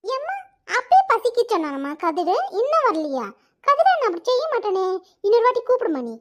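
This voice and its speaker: A woman's voice: extremely high pitch, very animated, fairly quick. A woman voicing a teasing, whiny teenage daughter in a cartoon. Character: sulky teenage daughter Aishu.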